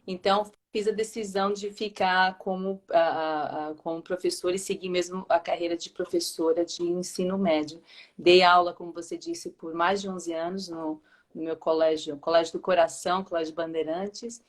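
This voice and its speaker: A woman's voice: fairly low pitch, steady tone, normal speed. A Brazilian woman in her fifties, a teacher being interviewed, speaking hesitantly with many fillers. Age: 50s. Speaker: guest, teacher. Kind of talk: live interview.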